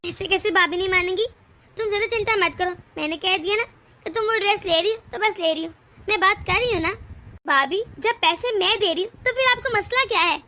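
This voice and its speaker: A woman's voice: very high-pitched, brisk, sharp tone. A woman voicing a scheming young daughter-in-law in a cartoon, speaking in a sweet but demanding way. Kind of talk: cartoon voice acting.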